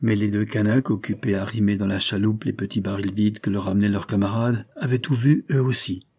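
A man narrating an adventure novel in a steady, measured storytelling voice. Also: on the low side, slightly rough. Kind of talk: scripted audiobook narration.

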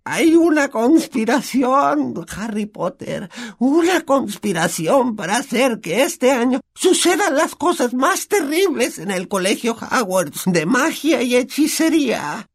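Dobby, a high, slow, grovelling house-elf. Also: male voice, very animated, vocal fry, full character voice. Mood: urgent. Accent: Latin American Spanish. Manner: servile, speaks of himself in third person. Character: timid, grovelling male house-elf servant. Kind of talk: audiobook character voice.

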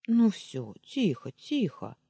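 A woman voicing a tired young man who talks slowly and coaxingly on the phone, with a husky voice. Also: medium pitch, huge pitch swings, warm tone, no echo, studio quality, pitched above the performer's own voice, full character voice. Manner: slow, coaxing, teasing drawl.

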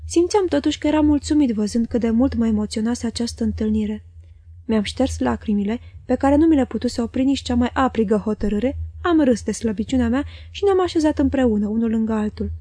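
A woman reading a novel aloud in measured, even-paced literary narration. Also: on the high side, husky, no room sound. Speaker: audiobook reader.

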